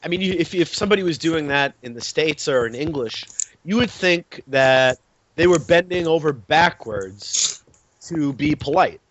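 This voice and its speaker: A man speaking as a panelist in an unscripted discussion, emphatic but halting, often repeating his words. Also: a little high, fairly bright tone, dry recording. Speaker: panelist and translator. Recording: muffled online call audio.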